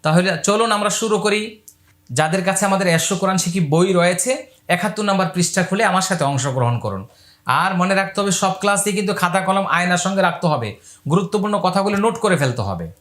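A man leads a patient Quran reading lesson, spelling out letters and vowel marks before chanting the joined word slowly. His voice is bright and forward. The room around him is roomy and echoing. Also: high voice, expressive. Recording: echoey room.

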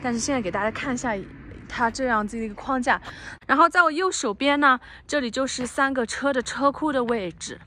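Recorded on a handheld phone, a woman agent tours a house still being built, talking casually and slipping English terms in. Her voice sits high and brisk, at times falling to a soft near-whisper, with slight background noise.

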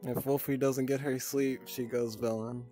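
A woman's voice: a bass voice, little pitch movement, normal speed, dark tone, soft background music. A woman in her twenties chatting casually with her stream chat, laid-back and giggly, swearing freely. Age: 20s.

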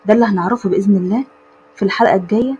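A woman with an Egyptian accent narrating an animated story and addressing viewers. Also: mid-range voice, racing, highs cut off, a little hiss or hum. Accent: Egyptian Arabic.

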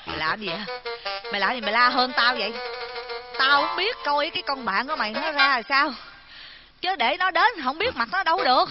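A quarrelsome middle-aged mom, very high voice, insulting and shouting, lo-fi stage sound with music. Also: female voice, expressive, a little fast. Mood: scolding. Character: sharp-tongued middle-aged mother, combative.

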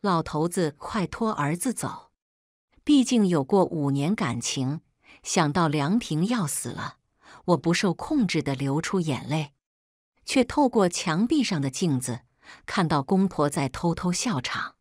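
A woman narrating a first-person story in a steady, low-key scripted way. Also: a little slow, no echo, studio quality.

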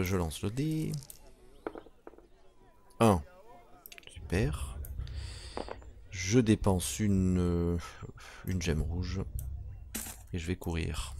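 A man's voice: low-pitched, gravelly, darkish tone, a little hiss or hum. A man commenting on a solo board game playthrough, counting moves aloud and muttering asides.

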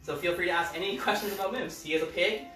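A man's voice: high voice, fast talker, bright, forceful tone, soft background music. Playful drag queen storyteller in a roomy space. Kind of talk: children's storytime, casual chat with viewers. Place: living room at home, indoors.

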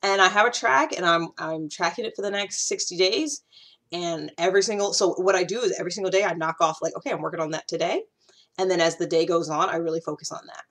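This fast-talking American woman in her thirties has a fairly low-pitched voice. As a YouTube host sharing self-growth advice, she speaks casually to camera, with animated gestures and emphatic repetition of key points.

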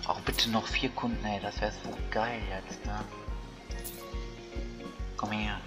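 A gaming video creator gives casual let's play commentary, thinking aloud in colloquial speech over game music. His voice is fairly low and level, and he speaks slowly.

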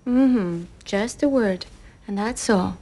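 A woman's voice: medium pitch, slow, mellow. An actress playing a curious woman who eagerly echoes the other's words and keeps asking questions. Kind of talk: film dialogue.

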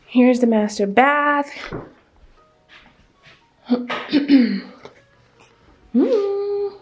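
Slow-talking young woman touring her empty house. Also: on the high side, darkish tone. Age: 20s. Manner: chatty, upbeat, talking to viewers. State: out of breath. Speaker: vlogger. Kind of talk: casual home tour vlog.

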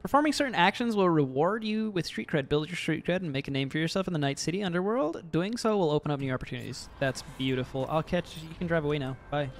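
A man's voice: a little high, expressive, fast talker, hardly any pauses, a little hiss or hum. A man casually commenting while playing a video game, joking and reading game text aloud. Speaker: gaming video host.

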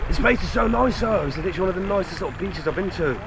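A man's voice: sits high, animated, rapid-fire, background noise. A man, vlogging a boat trip outdoors in a chatty, slangy, upbeat way, filmed on an action camera on a selfie stick. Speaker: travel vlogger. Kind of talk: casual travel vlog.

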